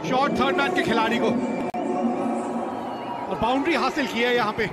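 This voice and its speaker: Excited, high-pitched male cricket commentator. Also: moderate pace. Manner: exclamatory, shouting on big shots. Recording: loud stadium crowd and music behind. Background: crowd noise and music.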